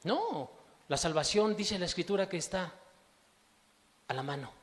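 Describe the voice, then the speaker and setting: Guy preaching in church, goes quiet then loud, lots of questions, echoey hall. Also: sits high, animated, normal speed. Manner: emphatic preaching with rhetorical questions, swings from hushed to loud. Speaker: pastor. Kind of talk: sermon.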